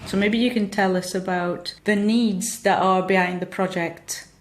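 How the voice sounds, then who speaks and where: A woman's voice: medium pitch, steady tone, measured pace. Woman podcast host in an echoey room. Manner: friendly, structured questioning. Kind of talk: podcast interview.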